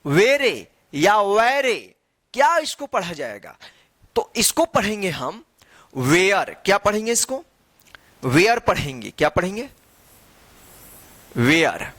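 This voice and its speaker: A man's voice: sits high, big pitch swings, measured pace, long pauses, a bit bright, no echo. A man teaching an English reading lesson, spelling out words letter by letter, asking the class how each word is read and answering himself with repeated readings. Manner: asks the class questions and answers them himself.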